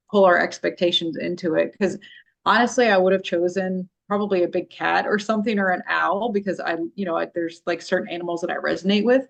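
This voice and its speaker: A woman's voice: on the low side, creaky. A woman in casual spiritual conversation, chatty and full of "like" as she tells a personal story.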